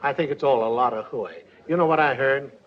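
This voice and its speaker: An actor playing a nosy, self-righteous small-town customer who spreads gossip, in 1950s film acting. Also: male voice, medium pitch, a little fast, a little hiss or hum, natural voice. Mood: gossipy. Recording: dull old film soundtrack.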